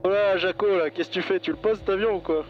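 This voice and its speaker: High-pitched pilot over a headset. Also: male voice, quick pace, dull audio, a little hiss or hum. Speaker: pilot of a microlight plane. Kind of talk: casual cockpit chat and checklist callouts. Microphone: aviation headset. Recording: pilot headset intercom, music behind.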